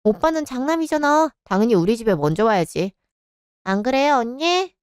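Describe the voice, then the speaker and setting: A woman's voice: fairly high pitch, very animated, moderate pace, clean tone, no room sound, studio quality. A woman voicing a bratty, self-righteous young sister-in-law in a radio drama, snippy and lecturing.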